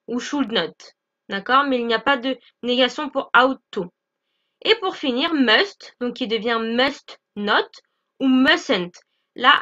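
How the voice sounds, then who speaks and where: Bright high-voiced teacher. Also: female voice, lo-fi sound. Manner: patient, repeats "d'accord?" often. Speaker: English teacher. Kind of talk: explaining lesson over slides.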